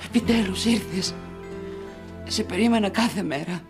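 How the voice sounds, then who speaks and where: An actress playing a devoted woman who speaks slowly and heartfelt to a man she longed to see. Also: mid-range voice, over music, lightly acted. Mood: yearning. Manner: slow, yearning, heartfelt. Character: devoted woman who waited and prayed for his return. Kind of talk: TV soap drama acting.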